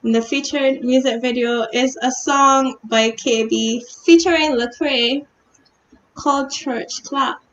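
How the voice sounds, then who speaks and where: A woman co-hosts a youth talk show from a video call. Her voice sits high. She tells stories in a chatty, laughing way. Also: fairly even intonation, slow pace, dull audio, a little hiss or hum. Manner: chatty storytelling with frequent laughs. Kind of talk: casual panel chat.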